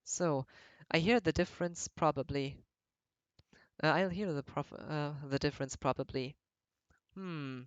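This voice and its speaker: A man from Germany, chatting casually while streaming a video game and often pausing to search for English words. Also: a little high, smooth, dry recording, dull audio. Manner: hesitant, searching for words, many restarts. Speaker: let's play streamer. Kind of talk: casual chat while gaming.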